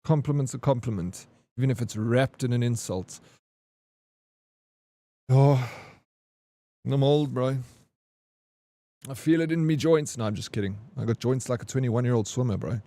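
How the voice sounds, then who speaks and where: Warm-voiced man chatting on stream. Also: mid-range voice, moderate pace, long pauses, no room sound. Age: 40s. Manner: chatty, joking, reads and answers chat. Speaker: game streamer. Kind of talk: casual live-stream chat.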